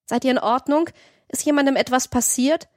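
Lady playing an old carter guy bossing his crew around, calm but firm, dry audiobook read. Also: sits high, brisk, dry recording, pitched above the performer's own voice, lightly acted. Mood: worried. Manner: commanding, calm instructions. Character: old male carter, leader of the crew, level-headed.

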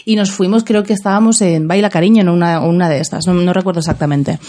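A woman's voice: lowish voice, fast talker. A young woman telling an anecdote in casual chat, acting out the voices of the people in it. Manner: lively storyteller acting out quoted voices. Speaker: guest.

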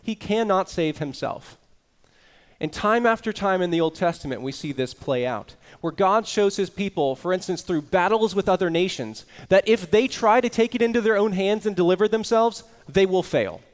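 A man's voice: high voice, normal speed. A man preaching an earnest sermon as pastor, explaining scripture with rising emphasis.

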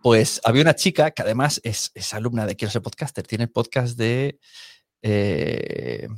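A man chatting in a relaxed, story-telling way, quoting people and laughing now and then. His voice sits at an ordinary middle pitch. It is recorded close and dry, with no room sound. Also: no room sound. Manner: anecdotal, laughs often, quotes people in his stories. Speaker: podcast teacher and host. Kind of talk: casual chat.

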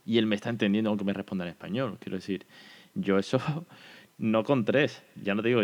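A man hosting a podcast, chatty and effusive in a casual interview. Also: fairly low pitch. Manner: chatty and effusive, quick asides. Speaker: podcast host. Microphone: recorded without camera.

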